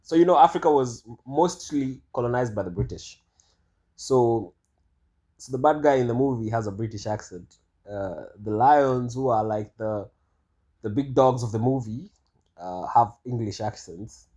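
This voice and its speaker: A man's voice: medium pitch, measured pace, mellow. Rambling man. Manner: rambling, hesitant, many fillers and restarts. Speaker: vlogger. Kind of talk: casual monologue commentary.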